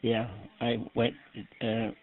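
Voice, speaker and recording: A man's voice: medium pitch, monotone, slow. A very old man in his nineties reminiscing casually in an interview, with brief, plain-spoken answers. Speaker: interviewee, war veteran. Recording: tinny phone-like band.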